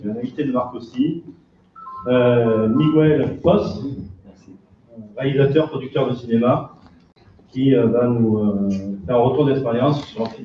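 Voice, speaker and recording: Male panel host, mid-pitched, halting; heavily reverberant, distant room recording. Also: slight background noise. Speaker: panel moderator. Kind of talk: live conference moderation. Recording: very echoey, distant, dull room sound.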